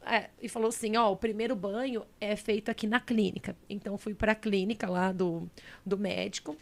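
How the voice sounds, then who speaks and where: A young adult woman hosting a podcast, telling a story in a lively, animated way and acting out what other people said. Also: medium pitch, normal speed, creaky. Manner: animated storyteller, acts out quotes. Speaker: podcast host. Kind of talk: casual interview chat.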